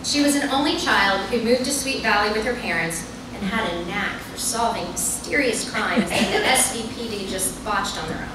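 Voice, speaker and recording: Reading aloud at a bookstore, a woman author delivers her comic personal essay at a normal pace with hardly any pauses, in a mid-range voice that's wry and self-mocking, very much a performance. The recording was made from afar in a noisy, echoing room.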